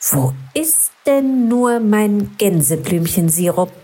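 A woman voicing a kind, cosy female worm in a children's storybook, talking in a caring, gently chatty way. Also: medium pitch, animated, slow pace, breathy edge, voice pushed up. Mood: musing.

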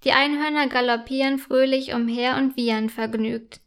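Role: gentle children's storyteller, woman. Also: high voice, little pitch movement, moderate pace, smooth. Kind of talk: reading a children's story aloud.

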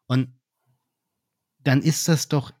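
A man's voice: mid-range voice, fairly even intonation, slow pace, darkish tone, dry recording, clean studio sound. A man in casual business chat on a podcast, telling anecdotes and acting out phone calls with customers.

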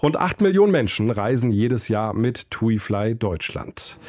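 A man's voice: lowish voice, very animated, a little slow, darkish tone. A man hosting an aviation podcast, narrating from a script in a casual, direct style.

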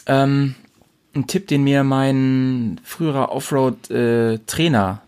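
A man's voice: mid-range voice, steady tone, takes it slowly, a little mellow, clear, resonant tone. A man co-hosting a casual podcast chat, thinking aloud in an easy way with frequent fillers. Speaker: podcast co-host.

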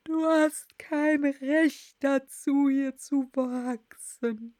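A grumpy, sleepy dormouse, put on by a woman reading a storybook aloud. He drawls his complaints slowly, high and loud, as if a little far away. The sound is dry and close. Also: steady tone, no room sound. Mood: indignant. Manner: slow, drawling and indignant.

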